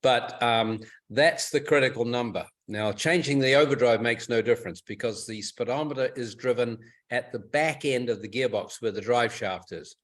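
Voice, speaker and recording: Over a telephone or conference call line, a man serving as a club's technical expert advises a caller on a group call. His mid-range voice moves at a moderate pace with few pauses, and his informal explanations are methodical and instructive.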